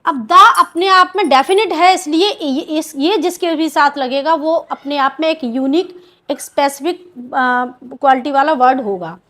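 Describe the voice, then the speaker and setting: A woman's voice: high voice, a little slow, a bit bright. A woman with an Indian accent teaching English grammar in a video lesson, asking questions and answering them herself.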